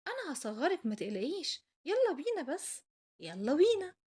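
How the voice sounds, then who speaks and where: A woman's voice: sits high, big pitch swings, fairly quick, darkish tone, voice pushed up. A woman with an Egyptian Arabic accent voicing a tiny, earnest magical boy asking for help in a storybook tale. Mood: reassuring. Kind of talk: storybook character acting.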